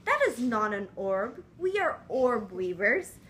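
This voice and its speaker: A woman's voice: a little high, very animated, slow pace, a bit bright, a little hiss or hum, heavily acted. A woman voicing disapproving, conformist spider siblings as she reads a picture book aloud to young children. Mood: disapproving, firm.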